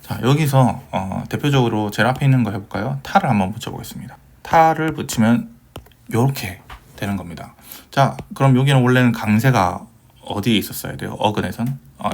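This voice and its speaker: A man's voice: fairly low pitch, vocal fry, a little hiss or hum. A man giving a recorded Hebrew grammar lecture, patiently asking questions and answering them himself, with many fillers.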